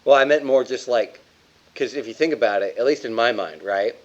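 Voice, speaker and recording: A man's voice: mid-range voice, a little fast, highs cut off. A man chatting as a player in a tabletop game, jokey and thinking aloud. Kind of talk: casual chat while playing a tabletop game.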